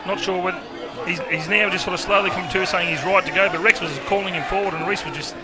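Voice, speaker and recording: An Australian man giving live fight commentary, conversational and excitable when the action heats up. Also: sits high, fast, over a noisy crowd. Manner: conversational, excitable at big moments. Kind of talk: live Muay Thai commentary.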